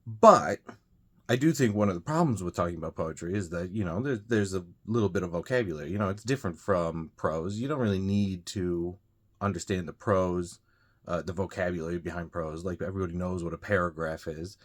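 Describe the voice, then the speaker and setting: A man's voice: low-pitched, brisk. A man casually explaining poetry terms to viewers, talking off the cuff with frequent fillers and restarts. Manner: loose and unscripted, frequent uh and you know, restarts. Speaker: host of a reading channel.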